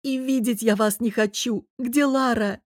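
A distraught young woman, hurt and defensive, sobs through her words in a high, strained voice, as a woman reader puts her on. The delivery is loud and emotional. The sound is dry and close, with no room around it. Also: steady tone, unhurried, no room sound, lightly acted. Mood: tearful. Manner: sobbing, high-strung pleading.

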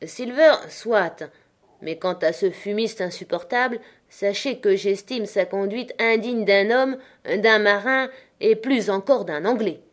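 A woman voicing a haughty, indignant gentleman squire in a storybook reading. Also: mid-range voice, unhurried, close to an everyday voice.

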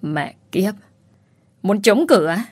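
A woman's voice: mid-range voice, very animated, slow, husky, dry recording, studio quality, full character voice. A woman voicing a brutal, abusive ex-husband, coarse and threatening. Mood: snarling.

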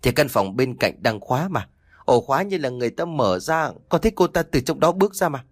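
A man's voice: medium pitch, lively intonation, a little fast, no room sound, clean studio sound, close to an everyday voice. A man voicing a frightened young daughter who pleads with her father about a haunted house. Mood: pleading. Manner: pleading, insistent.

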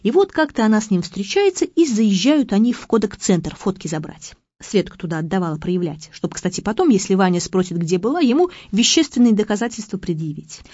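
A woman reading a story aloud, taking a lively, gossipy voice for the storyteller. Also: medium pitch, fairly quick, few pauses, no echo. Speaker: audiobook reader. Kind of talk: narrating a story with character voices. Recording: dry, slightly muffled reading.

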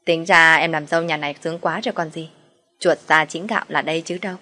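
A woman's voice: low voice, fairly even intonation, fast, sharp tone, soft background music. A woman voicing a brazen, scheming young mistress who talks insolently and then pleads. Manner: brash, insolent, turns pleading.

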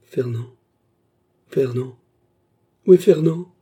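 A man's voice: mid-range voice, takes it slowly, dark tone, breathy edge, dull audio, pitched above the performer's own voice. A man reading an audiobook, voicing a frightened young woman who pleads with anguished questions. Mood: distraught.

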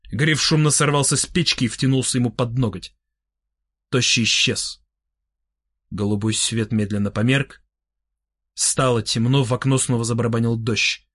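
A man narrating a first-person audiobook in an expressive, dry-humored manner. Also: medium pitch, no room sound.

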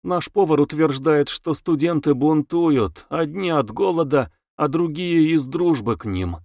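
Weary, wry young wife, soft and reflective, voiced by a man, pitch somewhat raised. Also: a little slow, no room sound, studio quality. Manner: soft, thoughtful, wryly ironic. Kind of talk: audiobook character voice.

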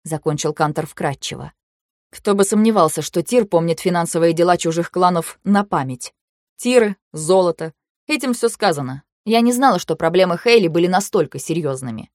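Woman narrating a dark fantasy novel. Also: fairly low pitch, expressive, normal speed, no room sound, studio quality. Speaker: audiobook narrator. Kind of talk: first-person fantasy novel reading.

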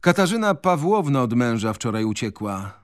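Man doing gossipy townsman, brisk, matter-of-fact, close dry sound. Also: mid-range voice, very animated, no echo, natural voice. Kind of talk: radio reading of a novel.

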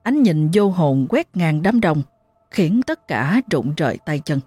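Expressive woman narrating a ghost story. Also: low voice, measured pace, slightly rough, dry recording. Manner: dramatic, expressive.

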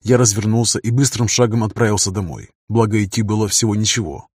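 Brief: male narrator, husky voice, dry close sound, measured first-person reading. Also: lowish voice, a little mellow, dry recording. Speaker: audiobook narrator.

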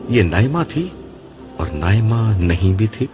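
A man reads a novel aloud in a measured, storytelling way. His voice is very deep, and a clear music bed runs under the whole reading. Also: lively intonation. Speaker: narrator. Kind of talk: audiobook narration.

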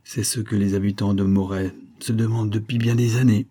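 A man's voice: fairly low pitch, fairly even intonation, brisk, dark tone, close to an everyday voice. A man voicing a chatty older village innkeeper who confides local gossip. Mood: gossipy.

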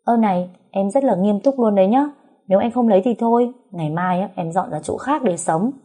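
Woman as stubborn young heroine in a storybook, insistent, warm voice. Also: mid-range voice, brisk, voice pushed up, natural voice.

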